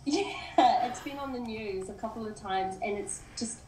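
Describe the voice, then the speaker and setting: A woman's voice: a little high, moderate pace, roomy sound, noisy background. A woman from New Zealand with a New Zealand accent, a podcast guest chatting casually in a friendly, rambling way. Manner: friendly, rambling, laughs easily. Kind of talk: casual interview chat.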